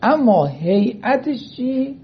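Speaking in an extremely high, slightly rough voice with big pitch swings, a man delivers a seminary-style lecture class. He keeps checking his students' understanding with frequent questions. The recording is dull and lo-fi.

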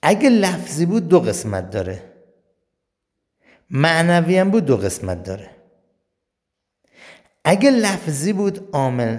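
A man's voice: medium pitch, darkish tone. Man teaching grammar in an echoey hall. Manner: explains step by step, asks and answers his own questions. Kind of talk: Arabic grammar lesson. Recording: long reverb in a hall.

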